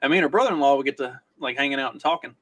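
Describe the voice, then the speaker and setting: A man with a Southern US accent, chatting casually as a podcast co-host. He tells stories in an easygoing way, with a voice of ordinary middle pitch. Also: rapid-fire, a bit bright, rough recording. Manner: easygoing storyteller. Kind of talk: casual chat.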